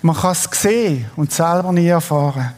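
High-voiced Swiss preacher in a reverberant hall. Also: male voice, normal speed, a little hiss or hum. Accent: Swiss German. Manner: animated storytelling, asks the congregation questions. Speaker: pastor. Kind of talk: sermon.

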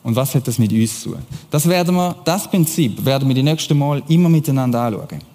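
A man preaching a lively sermon, often asking his listeners questions. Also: mid-range voice, a little fast. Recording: long hall reverb.

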